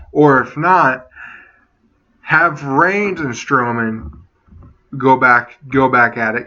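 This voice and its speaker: Bright-voiced man rambling through a lo-fi vlog. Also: fairly high pitch. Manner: rambling, profane, self-correcting. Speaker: wrestling and gaming vlogger. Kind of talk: casual opinion vlog.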